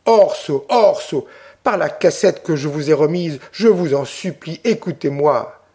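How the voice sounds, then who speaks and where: A man's voice: a little high, lively intonation, unhurried, mellow, slightly rough. A man reading the part of a passionate young Corsican woman who pleads vehemently with her brother. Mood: pleading.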